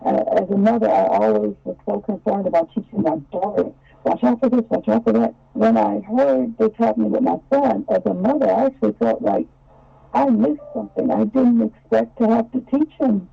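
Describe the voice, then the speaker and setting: A woman guest on a radio panel with a creaky, husky voice, reflecting personally in discussion. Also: mid-range voice, normal speed. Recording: dull radio sound, faint music.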